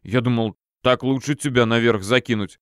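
A man reads a hulking, good-natured boxer friend in an audiobook. He speaks in a plain, slightly gruff way, recorded close and dry. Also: medium pitch, steady tone, moderate pace, no echo, natural voice. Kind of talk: audiobook character reading.

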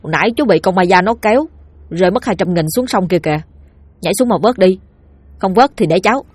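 Woman voicing a bold young boy, high and urgent, bossy, husky tone. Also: lively intonation, a little fast, no echo. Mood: coaxing. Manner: urgent, commanding.

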